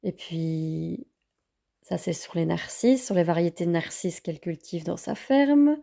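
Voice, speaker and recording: A woman's voice: lowish voice, animated, measured pace, gravelly, dark tone. A woman vlogger casually reviewing books, hesitant with many fillers.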